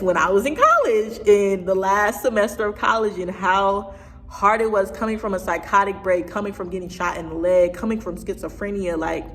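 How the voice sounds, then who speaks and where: A woman in her twenties talking casually to her viewers in a rambling vlog, often restarting and trailing off. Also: mid-range voice. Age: 20s. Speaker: vlogger. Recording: distant hall reverb, faint noise.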